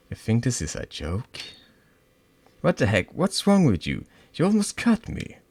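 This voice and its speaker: A man's voice: low voice, big pitch swings, unhurried, no echo, full character voice. A man voicing a scared, stammering schoolgirl. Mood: distressed. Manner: pleading, stammering, rising to shouts. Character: frightened, hurt teenage schoolgirl.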